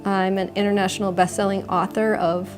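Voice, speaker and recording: A woman nutritionist and author introducing herself briskly and confidently. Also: medium pitch, flat delivery. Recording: clear music bed under voice.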